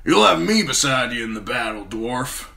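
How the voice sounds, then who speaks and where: A cocky mercenary swordsman, as a man puts him on, blunt and insolent. The voice sits higher and louder than the reader's own, with a bright, hard-edged sound. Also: very animated, normal speed, gravelly, exaggerated voice. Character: tough, insolent male sellsword, blunt.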